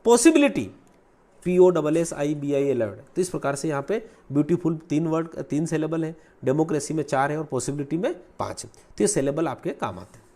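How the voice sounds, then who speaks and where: A man teaching English grammar in Hindi, mixing in English terms and repeating key words slowly. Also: fairly high pitch. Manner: lively teacherly delivery, asks and answers own questions.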